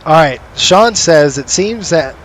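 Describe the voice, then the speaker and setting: A man's voice: fairly high pitch, expressive, takes it slowly, fairly bright tone. A man chatting casually as a pilot streaming from a flight simulator. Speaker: virtual airline pilot and streamer reading viewer comments. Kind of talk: casual chat while flying a simulator. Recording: clear vehicle-like cockpit noise.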